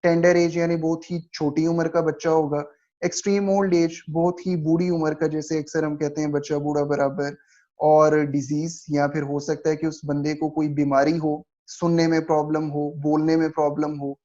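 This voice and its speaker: Here a Pakistani-accented man lectures on law didactically, his voice on the high side with fairly even intonation and a dark tone. He reads points out, slowing markedly during those passages, then explains them. It's a dull, lo-fi recording.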